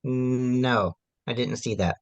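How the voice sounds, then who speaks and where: A man's voice: mid-range voice, takes it slowly, no echo. A man, an author, asking a question on a video call. He then fumbles with the screen-share settings, sounding hesitant. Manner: hesitant, unsure with the software. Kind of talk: casual talk on a video call.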